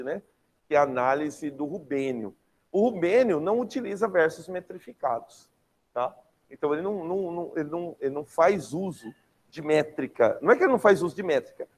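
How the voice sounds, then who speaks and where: Brazilian male teacher, young adult, slangy and lively, keeps checking in with students, slightly high voice. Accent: Brazilian Portuguese. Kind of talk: online class lecture.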